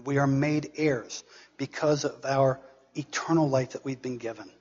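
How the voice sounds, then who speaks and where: Male pastor, husky, earnest sermon delivery, dull recording from a hall. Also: mid-range voice, steady tone, darkish tone. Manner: earnest, reading scripture aloud with pauses. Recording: dull recording with long reverb.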